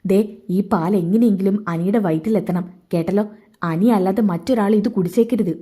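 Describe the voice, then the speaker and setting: A woman's voice: mid-range voice, normal speed, mellow, breathy edge, close to an everyday voice. A woman voicing a greedy, scheming middle-aged mother who coaches her daughter in a plot. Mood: bossy. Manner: plotting, bossy, conspiratorial.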